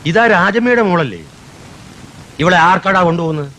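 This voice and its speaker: An actor playing a mocking, leering older police constable who taunts with questions. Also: male voice, sits high, expressive, a little fast, pushed and bright, slight background noise, poor audio. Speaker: police officer.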